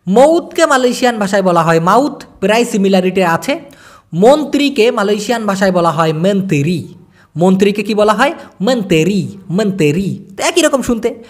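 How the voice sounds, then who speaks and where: Guy teaching words on video, really animated up and down voice, slows way down to repeat stuff. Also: high-pitched. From Bangladesh. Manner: repeats words slowly for learners, chatty asides. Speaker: language teacher. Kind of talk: casual video lesson.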